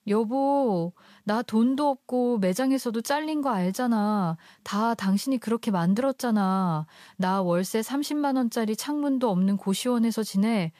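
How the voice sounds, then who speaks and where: A woman's voice: on the high side, normal speed, hardly any pauses, dark tone, no room sound, studio quality, natural voice. A woman voicing a desperate, self-pitying young wife who pleads and clings in a storybook narration. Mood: pleading.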